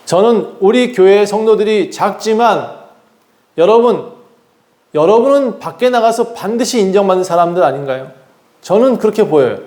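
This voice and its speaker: Male pastor, fairly high voice, earnest sermon delivery in a reverberant church. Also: animated, normal speed, darkish tone. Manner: earnest preaching, acts out quoted voices. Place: church sanctuary.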